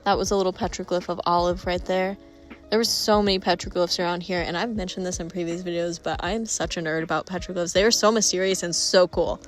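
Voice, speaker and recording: A woman's voice: on the low side, steady tone, fast, faint music behind. A woman narrating her travel vlog in a chatty, upbeat voice-over. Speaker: travel vlogger.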